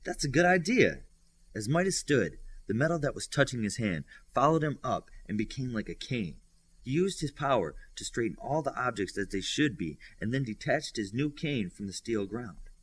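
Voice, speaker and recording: Narrating fiction for an audiobook, a man delivers a scripted story with the character dialogue lifted out. His husky mid-range voice is animated and moves at a moderate pace, with no echo.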